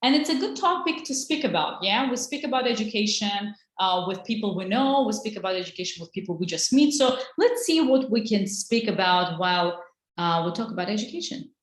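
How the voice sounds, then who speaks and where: A woman's voice: medium pitch, animated, fairly quick, reverberant. Encouraging woman teaching English. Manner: encouraging, switches between English and Azerbaijani. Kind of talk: online English lesson.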